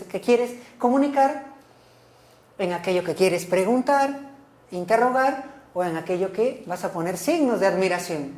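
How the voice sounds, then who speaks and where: A woman lecturing a class in an instructive, steady way, often pausing to check in with her listeners. She repeats and rephrases her key points. The voice sits in a middle range and rings in an echoey room. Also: medium pitch. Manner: instructive, asks frequent checking questions like "¿ok?" and "¿sí?". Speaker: teacher.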